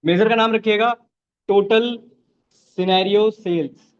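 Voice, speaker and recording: Man, high voice, step-by-step teaching, muffled lo-fi sound. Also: steady tone, a little slow. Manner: step-by-step, checks in with students. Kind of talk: live online class instruction.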